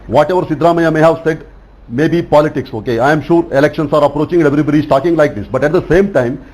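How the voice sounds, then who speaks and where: A man's voice: fairly high pitch, very fast, a little mellow, rough recording. A man from South India, a journalist, arguing insistently on a TV news debate and tagging his points with "okay?". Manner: insistent, argumentative, keeps adding "okay?". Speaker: journalist panelist.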